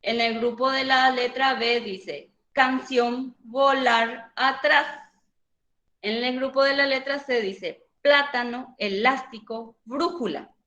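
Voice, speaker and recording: A woman's voice: high-pitched, steady tone, takes it slowly, bright, forceful tone. A woman teacher giving a grammar lesson, patiently questioning her students. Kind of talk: online Spanish grammar lesson.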